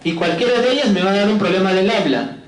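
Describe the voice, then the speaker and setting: A man's voice: high-pitched, fast. A man teaching a physiology class in a lecture hall, who keeps checking in with students and throws in jokes. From Peru. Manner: lively, asks "¿no?" and "¿sí?" constantly, jokes with students. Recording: echoey classroom.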